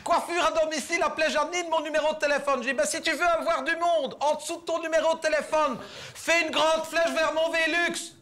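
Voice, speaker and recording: Speaking in a very high-pitched, sharp, level voice a little on the fast side, a man with a Belgian French accent plays a naive, gossipy middle-aged housewife. His stand-up monologue, staged in a theatre before a live audience, is chatty, indignant and breathless. A faint crowd and a little hiss or hum can be heard.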